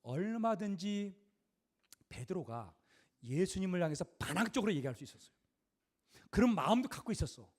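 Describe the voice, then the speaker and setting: A man's voice: fairly high pitch, sing-song, fast talker, long pauses, slightly rough. A middle-aged male pastor preaching a sermon in a conversational, emphatic way, full of rhetorical questions.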